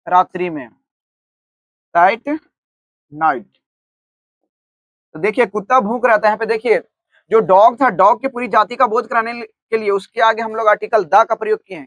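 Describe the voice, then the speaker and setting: High-voiced man teaching grammar. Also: a bit bright, dry recording. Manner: repeats "theek hai" often, asks and answers his own questions; spells words out slowly while writing on the board. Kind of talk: online grammar lesson.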